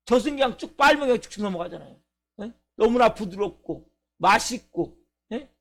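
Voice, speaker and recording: A man's voice: sits high, lively intonation, fairly quick, a bit bright. A male pastor preaching at a church service, emphatic, asking the congregation questions and answering them himself. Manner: acts out a crying baby's complaints. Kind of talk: sermon.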